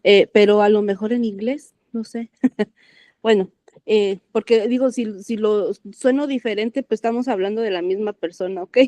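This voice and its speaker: A woman with a mellow, darker voice discusses a Bible passage, thinking aloud with hesitant fillers and frequent self-corrections. The sound is dry and close, with no room echo. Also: mid-range voice, moderate pace. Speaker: reading-circle participant.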